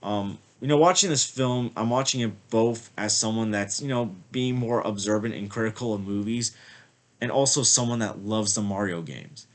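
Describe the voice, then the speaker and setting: A man with a somewhat low voice, talking at an ordinary pace, gives a rambling, informal spoken review of a movie. He's a little under the weather with a slight cold, sniffling occasionally, and peppers his speech with "like" and "I feel like."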